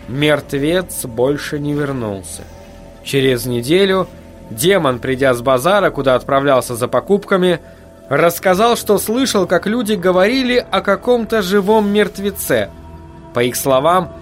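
A man reading a dark fantasy story aloud as an audiobook narrator, in a measured, even way. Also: on the high side. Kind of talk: scripted narration. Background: faint music.

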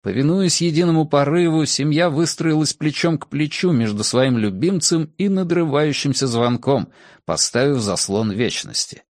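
A man narrating a story in an expressive audiobook reading. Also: on the high side, moderate pace, no echo. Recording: dry close studio sound.

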